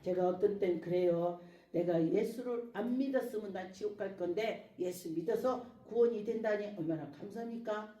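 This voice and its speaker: A woman pastor preaching a sermon with lots of emotion, acting out prayers and dropping from loud cries to hushed asides. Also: medium pitch, normal speed. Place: church. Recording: echoey church hall, mic at a distance.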